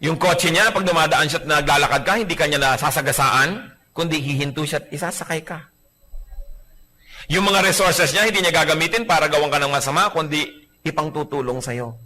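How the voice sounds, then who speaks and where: A man, an older pastor, preaching a sermon in an animated, humorous way, acting out the voices of the people he describes. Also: on the high side, a little fast.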